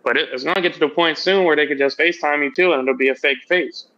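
A man's voice: on the high side, quick pace, sharp tone, lo-fi sound. A man co-hosting a podcast in casual, profane chat, laughing often. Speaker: podcast co-host.

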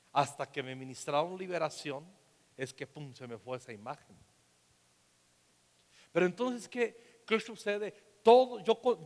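A pastor with a Mexican Spanish accent and a fairly high voice delivers a sermon, sharing a personal story. He frequently drops into a soft, hushed tone, and a long reverb surrounds his voice as if he were in a large hall.

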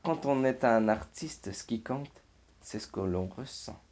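A man's voice: medium pitch, lively intonation, unhurried, a little mellow, close to an everyday voice. A man voicing a kind, confident little girl in a children's storybook, reassuring and upbeat.

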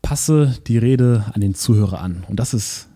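Dark husky podcast guy, chatty and animated, keeps restarting words, drops english terms. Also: lowish voice, normal speed. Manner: animated, self-correcting, mixes English words. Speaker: podcast co-host. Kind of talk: casual podcast talk.

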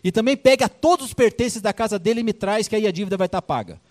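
A man's voice: high voice, fast, a little mellow, pitched above the performer's own voice, lightly acted. A man voicing a king in a retold parable, blunt and colloquial, switching between forgiving and furious. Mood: demanding. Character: forgiving yet angry male king, brusque.

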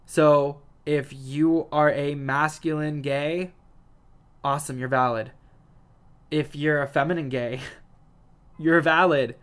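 A man's voice: on the high side, steady tone, slow pace, pauses often, clean tone. A young man in his twenties talking casually and earnestly to his viewers, with lots of "like" as filler. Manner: earnest, affirming, heavy use of "like". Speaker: vlogger. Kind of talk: casual personal talk to viewers.

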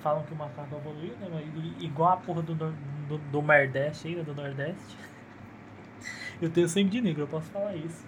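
With a fairly bright voice on the high side and a normal speaking speed, a man with a Brazilian Portuguese accent rambles through a casual solo podcast. He is cynical, profane and self-mocking, holding his phone in one hand to record over slight background noise.

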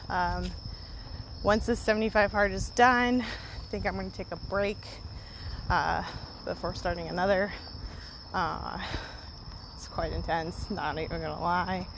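A woman's voice: medium pitch, steady tone, unhurried, long pauses. A woman podcast host talking informally and off the cuff to her listeners while out walking at night with crickets chirping. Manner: rambling, informal. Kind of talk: casual unscripted solo monologue to listeners. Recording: outdoor night ambience, crickets and wind. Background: chirping crickets, wind.

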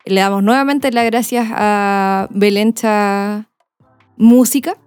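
A woman's voice: medium pitch, steady tone, slow, a little mellow, clear, resonant tone, no room sound, soft background music. A woman with a Chilean accent co-hosting a casual podcast, chatty and playfully teasing. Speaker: podcast co-host. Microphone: studio microphone.

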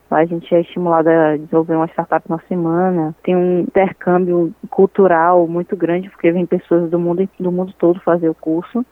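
A young woman, a scientist and entrepreneur answering interview questions in an earnest, measured way, often pausing to restart her phrases. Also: fairly low pitch, no echo. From Salvador, Brazil. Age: 20s. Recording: thin, dry, phone-like line.

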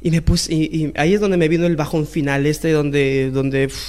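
A man from Peru, a podcast guest telling his own story in an animated way and acting out the voices of the people in it. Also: a little high, normal speed. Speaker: guest, entrepreneur. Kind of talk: personal storytelling in a podcast interview.

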